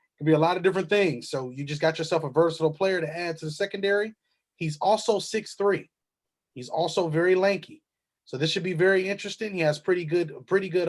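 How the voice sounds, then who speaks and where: Sports panelist, high-pitched man, confident player breakdowns. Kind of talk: casual sports talk.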